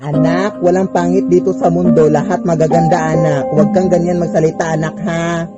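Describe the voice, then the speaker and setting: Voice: mid-range voice, flat delivery, fairly quick, dull audio, over loud music, lightly acted. A performer playing a fretful, overprotective Filipino mother who scolds her child in a comedy skit, speaking with a Filipino accent. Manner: nagging, ends lines with "anak, ha?".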